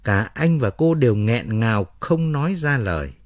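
A man narrating a dramatic story aloud in an expressive storytelling manner. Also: mid-range voice, moderate pace, dry recording, clean studio sound.

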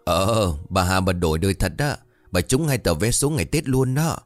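A man's voice: sits low, lively intonation, moderate pace, dry recording, soft background music. A man voicing a cheerful, teasing older village uncle in a spoken ghost story. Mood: jovial. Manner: teasing, boisterous.

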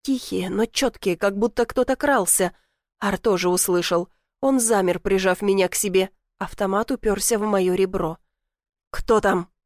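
A woman's voice: medium pitch, moderate pace, a little mellow, no room sound. Lady reading a thriller audiobook, tense dramatic telling, dry close sound. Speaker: audiobook narrator. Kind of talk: first-person novel narration.

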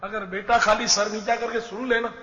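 A man's voice: sits high, level tone, bright, forceful tone. A man preacher giving a patient, explanatory Islamic advice lecture on family life, using everyday examples. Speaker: religious preacher. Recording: dull lo-fi sound in a reverberant hall.

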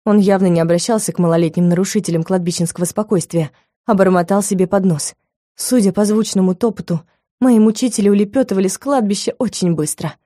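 A woman narrating a first-person audiobook, telling the story in a lively, expressive way. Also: medium pitch, fast talker, no room sound, studio quality.

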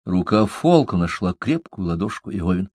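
A man's voice: deep voice, very animated, moderate pace, a little mellow, no room sound. A man reading a fantasy audiobook aloud in a dramatic, vivid way. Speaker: audiobook narrator. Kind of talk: scripted fantasy narration.

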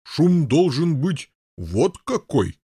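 A man voicing a gruff, grumbling elderly Norman knight in an audiobook, with a husky, blustering manner. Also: on the high side, big pitch swings, slow pace, warm tone, no room sound, clean studio sound, voice pushed up, full character voice. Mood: huffy. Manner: blustering, huffy protests. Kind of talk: audiobook character voice.

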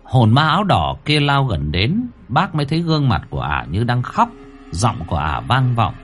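Man, horror story narrator, wildly varied pitch, mid voice, faint music behind. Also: normal speed. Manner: highly expressive, rising to cries.

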